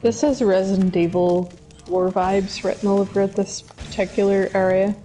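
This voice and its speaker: A woman's voice: medium pitch, flat delivery, normal speed, warm tone, soft background music. A woman co-commentating on a video game in a casual, teasing, conversational way. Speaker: co-commentator watching a playthrough. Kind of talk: casual chat over gameplay.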